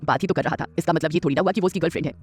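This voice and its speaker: Man doing a doting old granny, lower voice, brisk, affectionate scolding, soft music behind. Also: breathy edge. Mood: playful scolding. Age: older. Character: loving, teasing old grandmother. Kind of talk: audio drama storytelling.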